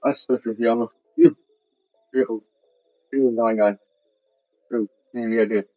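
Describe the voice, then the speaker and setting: A man, filming himself camping alone outdoors at night, narrating in a tense hush and muttering prayers. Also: mid-range voice, steady tone, normal speed, no room sound, phone-quality sound. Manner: tense, repeats short urgent calls to listen; muttering prayers under breath. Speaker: solo camping vlogger. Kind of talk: hushed on-the-spot night vlog narration.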